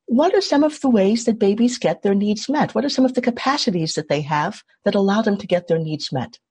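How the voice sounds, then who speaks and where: A woman from Trinidad with a high-leaning, darkish, breathy-edged voice facilitates an online workshop over a video call. She engages the group by asking questions and explaining things.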